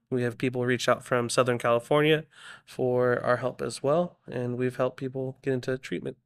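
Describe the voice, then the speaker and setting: A man, a guest in an interview, speaking in a steady, matter-of-fact way. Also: mid-range voice, smooth. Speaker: guest, outreach coordinator. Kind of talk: casual interview talk.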